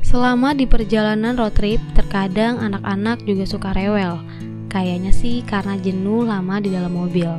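A woman's voice: mid-range voice, fairly even intonation, moderate pace, over music. Indonesian mother narrating a family road trip. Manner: friendly, motherly, explanatory. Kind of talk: casual travel vlog narration.

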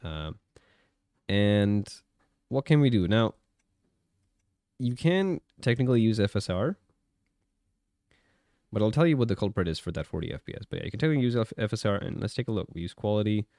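Low-voiced man. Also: big pitch swings, a little fast, long pauses, darkish tone, dry recording, studio quality. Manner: conversational, talks through tests with frequent check-in questions. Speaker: tech reviewer. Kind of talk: casual hands-on gaming handheld commentary.

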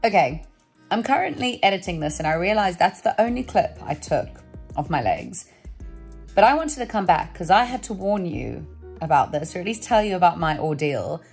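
A woman's voice: on the low side, very animated, moderate pace, gravelly, a little mellow, soft background music. A young woman, chatting casually to camera in a renovation vlog from rooms in her home, self-deprecating and lightly swearing. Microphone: handheld camera or phone at arm's length.

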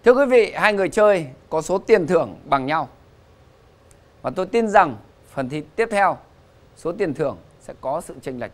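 A man hosting a game show in a lively way, announcing answers and prompting contestants. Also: fairly high pitch, moderate pace. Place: TV studio with audience. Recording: studio show with music and crowd. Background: music and audience noise.

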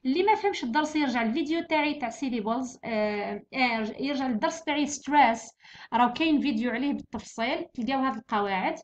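A young woman with an Algerian accent teaching an exam revision lesson, explaining patiently and repeating words slowly and clearly. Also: high voice. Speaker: English teacher. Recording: dull lo-fi recording.

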